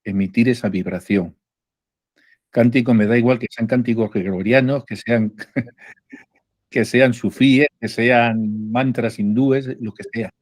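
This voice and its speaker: A middle-aged man from leads a spiritual class, preaching in an emphatic, unhurried way. His voice sits at a medium pitch for a man. The recording is dry and close, with almost no room echo. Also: fairly even intonation, a little mellow. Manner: slow, emphatic preaching with humor. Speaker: spiritual teacher.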